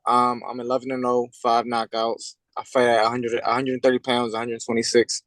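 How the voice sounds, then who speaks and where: Fields: Sex: man. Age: 20s. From Puerto Rico and Pennsylvania. Role: boxer guest. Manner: halting, full of fillers. Sound: dry video call. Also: mid-range voice, completely flat delivery, fairly bright tone, dry recording, poor audio. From Puerto Rico, raised in Pennsylvania. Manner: halting, many fillers and repeated words. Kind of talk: casual interview over a video call.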